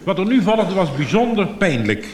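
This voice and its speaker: A man's voice: high voice, big pitch swings, moderate pace. A man telling a comic monologue in a droll, mock-formal way, heard on an echoey, noisy archive recording. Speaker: comic storyteller.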